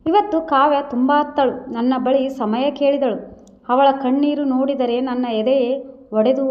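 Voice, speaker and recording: A devoted young husband, tender and self-sacrificing, as a woman reads him in a storybook narration. The voice sits high and sounds earnest and emotional. A dull, lo-fi recording softens the edges.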